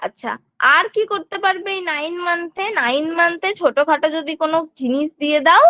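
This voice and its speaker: A woman's voice: very high voice, a little fast, sharp tone, no room sound, highs cut off. A woman teaching an online nursing lesson, explaining each step and answering her own questions, with frequent checks that students follow. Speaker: nursing exam tutor. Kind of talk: online lecture.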